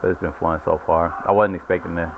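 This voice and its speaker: A man's voice: sits low, flat delivery, quick pace. A man giving casual, rambling commentary while he plays a video game. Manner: rambling, self-correcting storyteller. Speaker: gaming channel host. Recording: lo-fi phone-like audio with noise.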